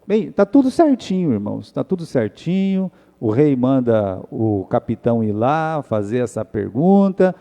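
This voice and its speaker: A Brazilian man, a pastor, telling a scripture story as a sermon, moving between hushed and emphatic passages. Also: mid-range voice, big pitch swings, unhurried, creaky, few pauses. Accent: Brazilian Portuguese. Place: large church hall. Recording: long church reverb.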